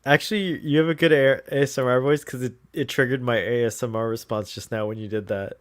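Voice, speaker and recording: A man chats through a casual watch-along commentary, playful and quick to break into laughter. His voice sits at an ordinary middle pitch. The sound is dry and close, with no room around it. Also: steady tone, no echo. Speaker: co-host.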